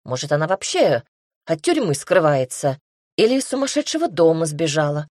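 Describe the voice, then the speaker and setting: A woman's voice: deep voice, sing-song, moderate pace, a little mellow, no echo, clean studio sound. A woman voicing a haughty, stubborn male lord and single father in a fantasy audiobook, speaking curtly. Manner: arrogant, curt.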